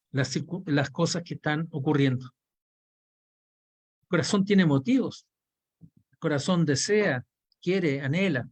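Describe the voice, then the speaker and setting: Male counseling teacher, measured and explanatory, slightly high-pitched. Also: slightly rough. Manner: explanatory, measured, walks through a diagram. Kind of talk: online course lesson.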